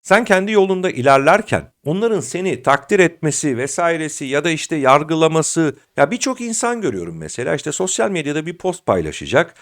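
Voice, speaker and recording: A man's voice: a little high, big pitch swings, fairly quick, few pauses. A middle-aged man giving a motivational talk as a self-confidence coach, speaking directly to the listener like a friend.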